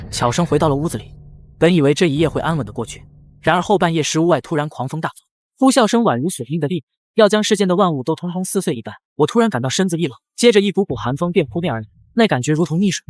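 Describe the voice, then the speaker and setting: A man reading a first-person web-novel story as scripted narration, in a rapid, even storytelling delivery. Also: a little high, no room sound, studio quality.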